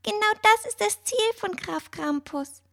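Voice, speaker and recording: Woman doing a squeaky tiny winged creature. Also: a little slow, creaky, fairly bright tone, exaggerated voice. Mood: hushed. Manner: anxious, urgent.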